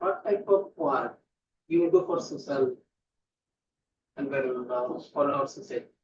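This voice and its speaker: A man teaching an English class, coaxing students slowly and repeating words for them. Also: medium pitch, noisy background. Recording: echoey room, distant lo-fi mic.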